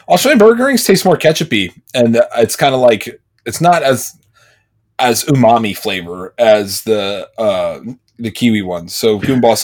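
Laid-back, slangy man chatting on a podcast. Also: on the low side. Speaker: podcast co-host. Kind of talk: casual chat, answering listener questions.

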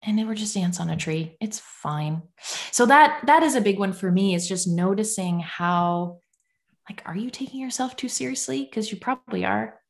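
Animated, self-mocking woman guest. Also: mid-range voice, normal speed, gravelly. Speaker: podcast guest. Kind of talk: casual storytelling interview.

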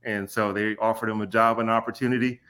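A man in his forties from Kentucky, a podcast guest telling stories in an unhurried way with frequent ums and restarts. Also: lowish voice, level tone, pushed and bright. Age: 40s. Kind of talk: casual podcast interview.

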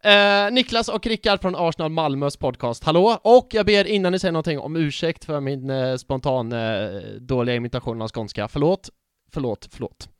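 A young male podcast host chatting casually, playful and quick to joke about himself. His voice is smooth and slightly high. The sound is close and dry, with no room around it. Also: fairly bright tone, dry recording. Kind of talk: casual chat.

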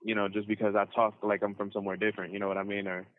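A man's voice: lowish voice, monotone, very fast. A young American man chatting casually in slang on a prison phone call, often repeating his phrases. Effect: prison phone line. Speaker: guest calling from prison. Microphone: telephone. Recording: tinny, band-limited prison phone line.

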